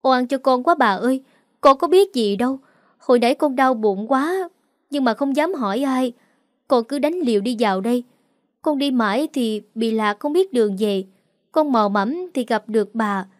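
A quick-witted young servant girl speaks humbly and pleads for mercy, as a woman narrator puts her on. Her voice is high and dry. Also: animated, no echo, close to an everyday voice. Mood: pleading.

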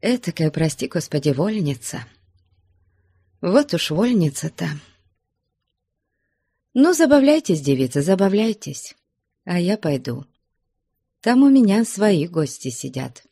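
A woman's voice: medium pitch, takes it slowly, no echo, clean studio sound, voice pushed up. Woman playing an imperious old abbess. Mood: mild. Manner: even, commanding. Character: older abbess, imperious and composed.

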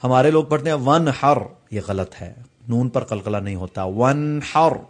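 A man, teaching tajweed, who slowly draws out each recited word and patiently explains common mistakes between the phrases. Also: medium pitch, expressive, a little mellow. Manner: slow, drawn-out recitation of each word, repeated for practice.

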